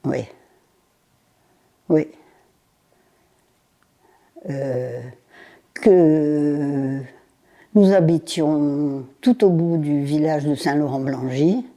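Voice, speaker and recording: Very old woman with a deep, dark voice. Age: 90s. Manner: halting, with pauses, fillers and repeated words. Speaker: interviewee. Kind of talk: recalling her childhood in an interview.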